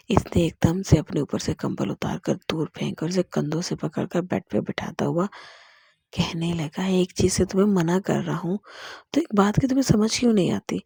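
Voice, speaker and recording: A woman's voice: fairly low pitch, gravelly, mellow, breathy edge, dry recording, clean studio sound. A woman narrating a romance novel in a casual, unpolished storytelling style. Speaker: novel reader.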